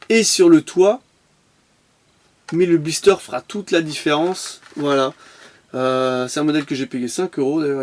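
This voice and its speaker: A man hosting a casual unboxing vlog of his toy car purchases, chatty and full of fillers and restarts. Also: fairly high pitch. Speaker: toy car collector vlogger.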